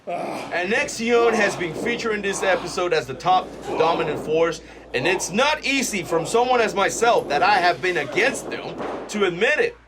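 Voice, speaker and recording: High-pitched man, excitable lucha libre announcer. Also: moderate pace. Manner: excitable, exclaiming at the action. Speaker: wrestling commentator and producer. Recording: noisy recording.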